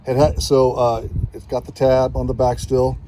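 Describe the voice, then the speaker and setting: An American man from California, a metal detecting hobbyist, tells his story in a casual, rambling way, acting out people's exchanges. His mid-range voice is warm, moderate in pace, and fairly flat in pitch, on a low-quality recording with some hiss or hum.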